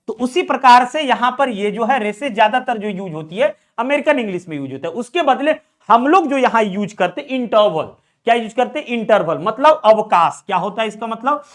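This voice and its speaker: Man, young, exam prep teacher, very high voice, asks and answers his own questions. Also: animated, a little fast, hardly any pauses, a bit bright. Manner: repeats questions to students and answers them himself. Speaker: English teacher.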